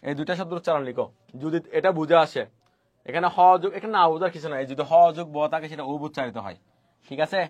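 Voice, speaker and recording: Talking fast in a slightly high voice, a man runs a quick online lesson on pronunciation rules. He repeats each point and quizzes his students, and the audio has no echo.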